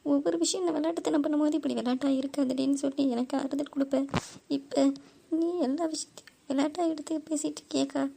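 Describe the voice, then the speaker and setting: A woman's voice: high-pitched, steady tone, fast, creaky, warm tone, slight background noise. A woman voicing a chatty, easily frightened young village woman in a cartoon, exclaiming in comic dread and later speaking tearfully. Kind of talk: cartoon voice acting.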